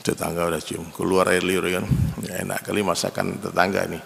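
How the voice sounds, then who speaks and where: A man preaching a sermon in lively storytelling fashion, often turning to address the men in his audience directly. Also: low-pitched, fairly quick, gravelly. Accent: Indonesian. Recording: long hall reverb.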